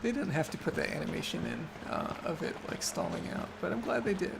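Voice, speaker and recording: A man's voice: high-pitched, brisk, creaky, very noisy. A young man casually commenting while he plays a video game, reminiscing and losing his train of thought. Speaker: let's play host. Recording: loud game music behind.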